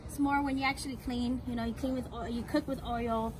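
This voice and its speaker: A young woman vlogger speaks briskly in a slightly high, steady voice as she casually demonstrates a home build step by step. The footage comes from a handheld camera in a driveway by a house, and its onboard mic picks up a lot of outdoor noise.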